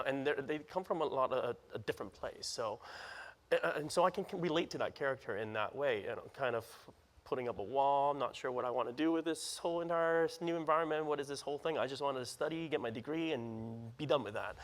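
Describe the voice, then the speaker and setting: A man's voice: medium pitch, a little fast, long reverb tail. A young adult man, born in Hong Kong and raised in the US, speaking casually as an actor guest with lots of fillers and restarts. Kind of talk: studio interview. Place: TV studio set.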